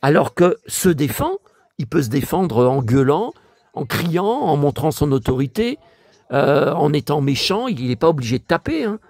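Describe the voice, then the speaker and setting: A man's voice: on the high side, sing-song, normal speed, vocal fry, a little mellow, dry recording. An older man from France chatting casually as a vlogger, musing aloud as he reads English words in a French way. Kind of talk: casual chat while leafing through a book.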